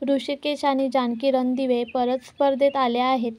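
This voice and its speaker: A male contest announcer explains the final round in a serial retelling, read by a woman narrator. The voice stays high and soft-edged, close to her plain reading. He sounds formal and explanatory. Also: flat delivery, moderate pace, no room sound, lightly acted. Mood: announcing.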